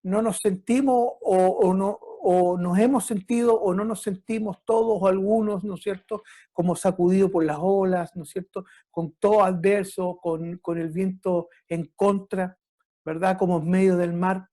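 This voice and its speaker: A reflective preacher delivering a sermon at a mid-range pitch, neither high nor low. The delivery is measured and halting, with restarts, and the preacher keeps checking in with the listeners through tag questions. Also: steady tone, mellow.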